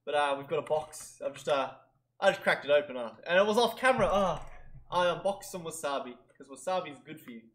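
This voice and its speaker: Goofy young man with a lightly raised pitch. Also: expressive, fast talker, fairly bright tone. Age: young adult. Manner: goofy, self-mocking, tags sentences with "eh". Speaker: vlogger. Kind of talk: casual chat to camera. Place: small bedroom, indoors.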